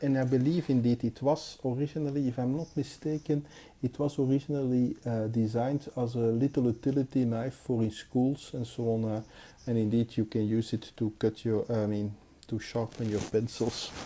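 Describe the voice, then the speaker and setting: Seated at a table indoors, a knife collector and reviewer from Belgium offers casual hands-on commentary. His voice is medium-pitched, mellow, and dark. His delivery is unscripted, hesitant, and halting.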